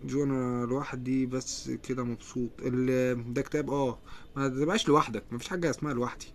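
A man's voice: medium pitch, fairly even intonation, fairly quick, a little hiss or hum. A man with an Egyptian accent hosting a live stream, chatting casually as he reads out viewer comments and answers them. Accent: Egyptian Arabic.

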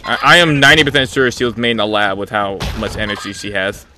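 A young man streaming a shooter game in a small room at home, joking with chat and breaking into sudden shouts, talking into a headset mic. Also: lowish voice, fast talker, soft background music. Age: young adult. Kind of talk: casual live-stream chat while gaming. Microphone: headset, seen on webcam.

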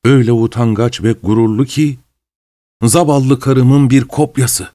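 A man voicing an excitable, fawning middle-aged husband who talks with ingratiating emotion, in an audiobook. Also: mid-range voice, measured pace, natural voice. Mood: excited, fawning.

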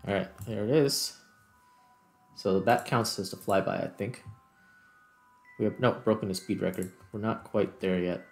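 Fairly low and a little mellow, this man's voice keeps a steady tone at a moderate pace, with long pauses. He's hosting a gaming video and thinking aloud casually as he plays, backed by music.

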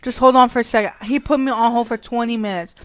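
A young woman telling a story in a casual vlog chat, animated and laughing between lines. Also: on the high side, quick pace. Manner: animated, laughing, sassy retelling. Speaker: vlogger.

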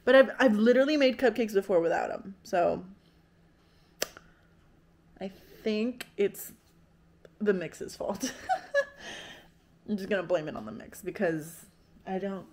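A woman's voice: mid-range voice, unhurried, long pauses, a little mellow. Chatty young woman vlogging at home. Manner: rambling, self-deprecating, laughs often. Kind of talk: casual vlog chat.

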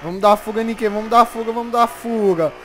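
High-voiced excited gamer man. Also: brisk, faint music behind. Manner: excited, repeats every phrase twice, slangy. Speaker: gameplay commentator. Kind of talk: casual gameplay commentary.

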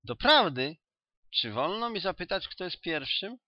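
A man voicing a confident, ironic detective in a storybook reading, with a measured, dry delivery. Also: high-pitched, very animated, voice pushed up, full character voice. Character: cool, self-assured male detective, ironic. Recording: dull, dry audiobook recording.

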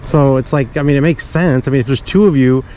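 This middle-aged vlogger has a medium-pitched, dark voice and talks fairly quickly as he rides through a suburban street. His chat is casual and rambling, sprinkled with jokey asides, and the dull action-camera recording carries outdoor street noise.

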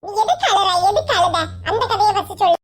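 A woman with a Kanyakumari Tamil accent voicing a hot-tempered young husband, talking in a high, quick, taunting way. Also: expressive. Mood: arguing. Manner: bossy, taunting.

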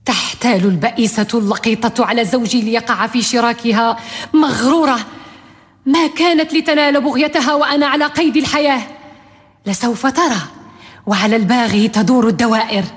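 An actress playing a jealous, scheming rich wife in a historical radio drama, formal, theatrical and menacing. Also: female voice, a little high, brisk, close to an everyday voice. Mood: vengeful. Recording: long hall reverb.

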